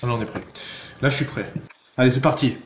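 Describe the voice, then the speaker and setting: A fast, excitable man chatting casually to camera. He swears freely and thinks out loud. His voice sits in a roomy, echoey space with faint noise behind it. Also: mid-range voice. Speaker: vlogger. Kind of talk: casual vlog chat. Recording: roomy echo.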